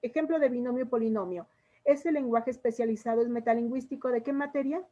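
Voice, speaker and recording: A woman's voice: on the high side, fast talker, mellow, lo-fi sound. A woman teacher with a Mexican Spanish accent explains language functions to her students in an online class, addressing them directly.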